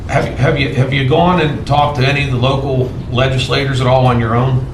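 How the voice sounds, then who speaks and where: A man runs a public township meeting in a plain, businesslike way. The sound is like a courtroom tape: he is heard from across an echoey meeting room. A steady noise runs underneath. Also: medium pitch, brisk, distant mic. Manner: plain, procedural, conversational. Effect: public meeting recording, like a courtroom tape. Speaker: township supervisor chairing the meeting. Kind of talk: presiding over a public meeting.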